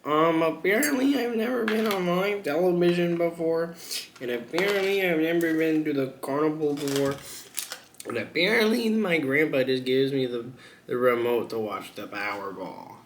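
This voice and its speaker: Eating on camera, a young mukbang vlogger rambles in a casual, crude way, full of jokes. His voice sits on the high side at a normal speed, and the room is echoey with faint background noise.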